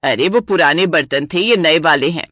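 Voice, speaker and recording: A woman's voice: sits low, moderate pace, a bit bright, no echo, clean studio sound, pitched below the performer's own voice. A woman doing a bossy, nagging mother-in-law. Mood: scolding. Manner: nagging, commanding. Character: scolding middle-aged mother-in-law, bossy and stern. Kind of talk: animated story voice acting.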